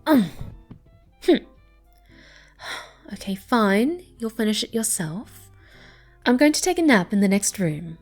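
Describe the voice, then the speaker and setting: A woman with a very animated, mid-range voice plays a spoiled young cat girl in a slow-paced ASMR roleplay set to faint music. The character is haughty, greedy and pouty, stammering when flustered while hiding a soft, needy streak.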